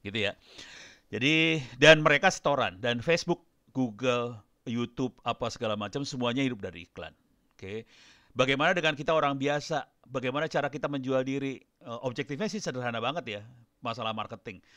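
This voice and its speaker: A middle-aged man gives a loose, chatty lecture to students and walks them through a screen demo. His voice sits at a middle pitch. The sound is dry and close, with no room echo. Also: fairly quick, sharp tone. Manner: chatty, loose, laughs between points. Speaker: guest lecturer.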